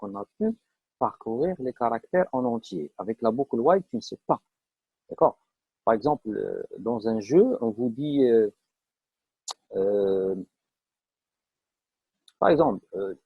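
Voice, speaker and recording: A man's voice: medium pitch, slightly rough, dry recording. A man teaching a live online programming class, explaining step by step with frequent fillers and checks that students follow. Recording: dull lo-fi online class audio.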